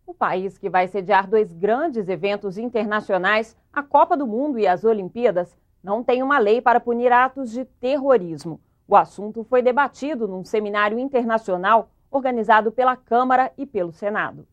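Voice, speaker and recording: A woman's voice: fairly high pitch, muffled recording. Brazilian woman anchoring the news. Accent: Brazilian Portuguese. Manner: measured, formal. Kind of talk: scripted news reading.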